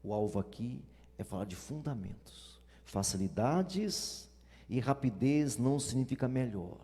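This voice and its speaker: A man's voice: medium pitch, expressive, measured pace, dark tone, in a large hall. A man with a Brazilian accent, preaching a sermon as a pastor, emphatic and full of rhetorical questions and repetition. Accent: Brazilian Portuguese.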